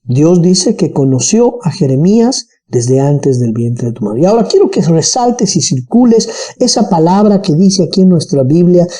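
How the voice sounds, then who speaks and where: A Bible teacher with a Bolivian highland accent, giving an animated Bible study lesson and checking in with listeners often. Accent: Bolivian highland (colla).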